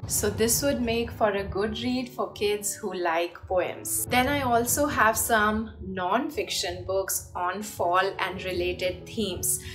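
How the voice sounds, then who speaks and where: A woman's voice: medium pitch, a bit bright. Woman presenting books over background music. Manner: explanatory, addressing parents. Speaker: presenter reviewing children's books. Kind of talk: informal book recommendation monologue to camera.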